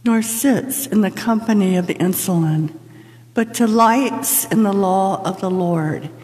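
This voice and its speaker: A woman reads scripture at a lectern, slow and unhurried in a solemn, measured way. Her voice is mellow and soft-edged, and the long reverb of a big church hangs after every phrase. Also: medium pitch. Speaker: lector. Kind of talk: liturgical scripture reading. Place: large church sanctuary. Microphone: lectern microphone from a far camera.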